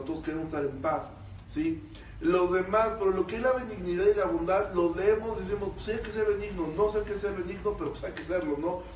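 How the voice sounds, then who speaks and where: A Mexican pastor with a high voice leads a Bible class, explaining step by step and checking in with his class. He is heard from a distance in a reverberant room, with faint noise underneath. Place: church meeting room. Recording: echoey room, voice from far off.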